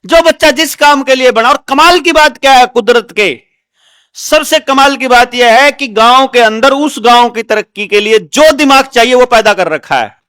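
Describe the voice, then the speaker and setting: A man with a very high voice and a bright, forceful tone speaks emphatically, putting questions straight to his listeners. The sound is close and dry. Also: normal speed, clear, resonant tone, no echo. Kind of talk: explaining to an audience.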